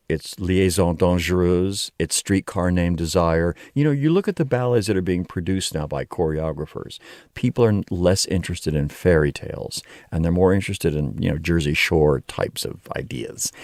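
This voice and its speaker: Here a ballet artistic director and choreographer, appearing as an interview guest, talks reflectively and explains himself with emphatic phrasing. His voice sits low with a darkish tone. The sound is clean studio audio with no echo.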